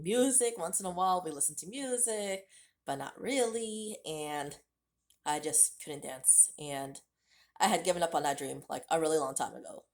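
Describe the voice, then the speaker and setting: In a casual vlog, a late-30s woman from the United States talks directly to her viewers about her life, candid and conversational as she tells her story to camera. Her voice is on the low side.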